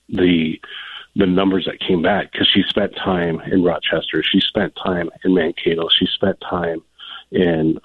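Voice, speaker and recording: An American man with a deep, husky voice talks casually as a radio guest. He rambles haltingly and repeats himself over a narrow phone line. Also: no echo. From South Dakota, United States. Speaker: political guest on a radio call-in show. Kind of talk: casual unscripted discussion.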